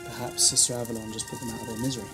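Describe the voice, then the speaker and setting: A man playing a philosophical time traveller in an audio drama, measured and theatrical. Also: mid-range voice, flat delivery, loud music behind the voice, close to an everyday voice. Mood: reflective, grave. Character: the Doctor, philosophical alien time traveller, reflective.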